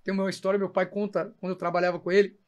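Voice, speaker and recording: A man's voice: sits high, flat delivery, racing. Fervent Brazilian man giving testimony. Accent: Brazilian Portuguese. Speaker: missionary preacher guest. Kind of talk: emotional faith testimony.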